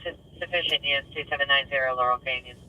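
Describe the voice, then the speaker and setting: A man's voice: mid-range voice, fairly even intonation, fast talker, dull audio. A man on a police scanner radio, reading clipped dispatch codes and unit numbers. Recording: distant scanner playback, faint noise.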